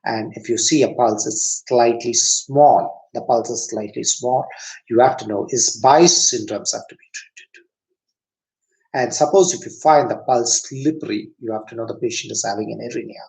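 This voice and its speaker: A man with a gravelly, creaky voice and a Tamil accent teaches acupuncture. He talks at a middle pitch for a man. He keeps repeating and rephrasing his phrases as he explains each step. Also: normal speed, a little mellow, low-quality recording. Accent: Tamil-accented English. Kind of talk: classroom lecture.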